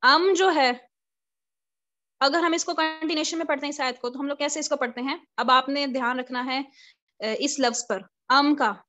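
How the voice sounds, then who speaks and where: A woman's voice: sits high, steady tone, normal speed, sharp tone. A woman teaching a live online class on Quran recitation. She explains step by step and often puts questions to her students. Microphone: video call. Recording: lo-fi video call audio.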